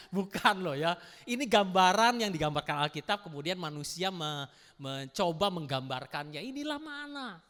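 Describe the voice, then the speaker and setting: Male pastor, unhurried, animated sermon delivery with English asides; echoey church hall. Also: high-pitched. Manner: animated, playful, laughs, mixes in English. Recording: long reverb church hall.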